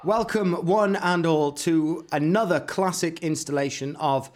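A man's voice: a little high, a little slow. A Welsh man co-hosting a comedy podcast, talking in a mock-serious, self-important investigator tone. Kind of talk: mock-serious comic banter.

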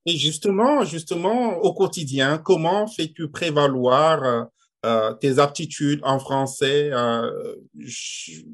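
A man's voice: fairly high pitch, takes it slowly. A man interviewing a guest, asking long questions broken up by many fillers and repeated words.

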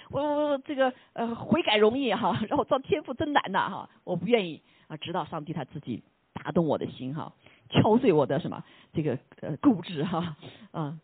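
Husky lively preacher over a tinny line. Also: medium pitch, no room sound. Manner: asks the listeners rhetorical questions; mixes English words into Chinese speech. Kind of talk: casual sermon. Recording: tinny phone-like line, dry.

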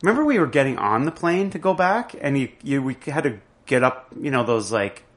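A man's voice: mid-range voice, lively intonation, a little fast. A man, chatting casually and telling stories animatedly, with plenty of swearing. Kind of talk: casual chat.

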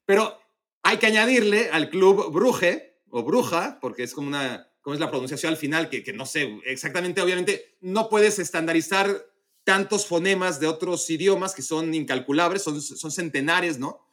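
A man's voice: fairly high pitch, moderate pace, a bit bright. A man co-hosting a podcast, chatting casually about football and explaining things at length with many restarts. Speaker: podcast co-host.

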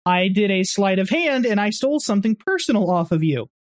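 A woman's voice: mid-range voice, very animated, fairly quick, dry recording. Dry, matter-of-fact woman at a game table. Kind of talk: casual table talk.

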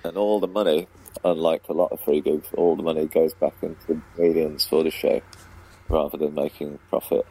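Deep-voiced man in laid-back chat. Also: level tone, brisk, dark tone, husky, rough recording. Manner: rambling, laughs often, many fillers. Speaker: comedy club promoter and compere, guest. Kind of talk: casual radio chat. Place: radio studio.

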